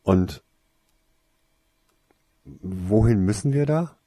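A man voicing a quick-tempered young witch girl who asks a lot of questions. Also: lowish voice, lively intonation, mellow, breathy edge, dry recording, heavily acted. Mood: impatient. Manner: tetchy, questioning.

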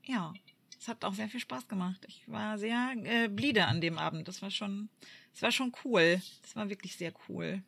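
A woman from Germany co-hosting a podcast in casual chat. She tells stories in a lively way, acts out what people said, and uses many fillers. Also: mid-range voice, moderate pace, gravelly. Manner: lively storyteller who acts out quoted voices, many fillers. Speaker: podcast co-host.

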